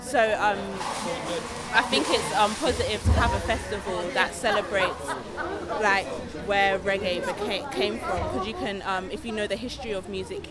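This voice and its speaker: A woman speaking thoughtfully in a vox pop, using many fillers. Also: mid-range voice. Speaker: festival visitor. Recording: loud crowd noise.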